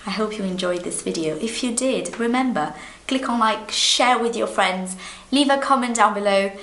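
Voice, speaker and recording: A woman's voice: medium pitch, moderate pace, fairly bright tone. A woman in her thirties from Brazil, a native Portuguese speaker, giving an online English lesson in a patient, encouraging way, talking straight to the viewer. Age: 30s. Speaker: English teacher. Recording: echoey room.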